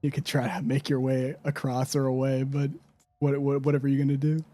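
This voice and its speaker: A man's voice: mid-range voice, little pitch movement, brisk, warm tone, dry recording. A man running a tabletop game as game master, describing scenes in a loose, rambling way.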